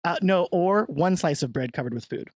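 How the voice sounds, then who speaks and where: A man's voice: fairly high pitch, expressive, a little mellow, no echo, clean studio sound. A man co-hosting a casual podcast chat, rambling through jokey stories. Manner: rapid, rambling storyteller. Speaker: podcast co-host.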